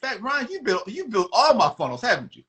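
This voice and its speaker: A man talks on a video call in a fairly high, bright, ringing voice. He chats as an emergency doctor being interviewed, friendly and animated, laughing often and stumbling into quick restarts. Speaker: emergency medicine doctor, guest. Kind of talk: casual interview chat.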